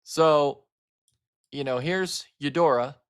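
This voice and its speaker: A man's voice: fairly high pitch, slow pace, clear, resonant tone. A man from Arkansas, hosting live weather coverage in a casual, chatty way, talking straight to his viewers. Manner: casual, chatty, talks to viewers as guys, frequent fillers. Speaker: livestream weather host.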